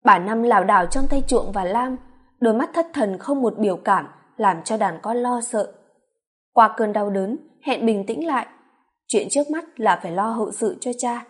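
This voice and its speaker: A woman narrating a dramatic family story in a steady storytelling manner. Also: a little high, normal speed, breathy edge. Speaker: audiobook narrator.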